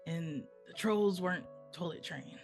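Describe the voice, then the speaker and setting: In a live script read with music, a woman plays a proud elf storyteller who chats folksily and wryly with the listener. She speaks a little slowly in a slightly low voice.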